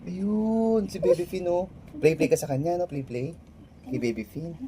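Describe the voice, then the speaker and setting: A man as a father, talking soothing baby talk and cooing and hushing a crying newborn. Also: a little high, expressive, normal speed, a little hiss or hum.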